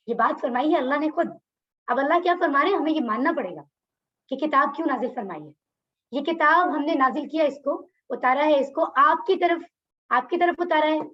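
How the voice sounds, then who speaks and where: A woman's voice: sits high, highs cut off. A woman teaching a Quran class over a video call, explaining words patiently and asking her students questions. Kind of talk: online class lecture.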